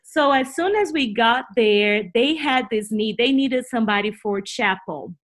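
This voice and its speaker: This Brazilian woman, a native Portuguese speaker with a Brazilian accent, is a Bible teacher appearing as a guest in a conversational interview. She tells personal stories expressively and often repeats herself. Her voice is fairly high and fairly bright, and she speaks a little slowly.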